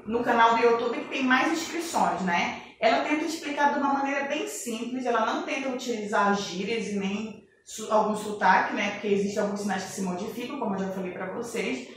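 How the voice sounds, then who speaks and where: A woman teaching a class, pitched a little high, recorded from a distance in a strongly echoing room with faint background noise. She explains patiently and keeps checking in with her students through quick rhetorical questions. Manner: explanatory, asks rhetorical questions and answers them; names signs one by one while demonstrating. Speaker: sign language teacher. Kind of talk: online class lesson.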